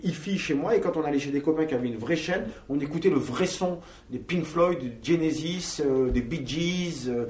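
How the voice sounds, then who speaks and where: A man from Algeria talks at length about his band's music, pausing on fillers as he gathers his thoughts. His voice sits a bit high. The sound is roomy and comes from some distance off the mic. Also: a little mellow. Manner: talkative, searching for words with many fillers. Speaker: band member. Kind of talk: interview answers.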